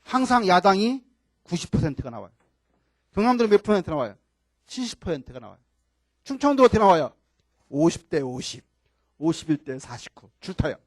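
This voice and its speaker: A man's voice: high-pitched, sing-song, brisk, pauses often, no room sound. An older man, a professor from Chungcheong, giving a classroom lecture. He keeps asking the class questions and repeats key words. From Chungcheong, Korea.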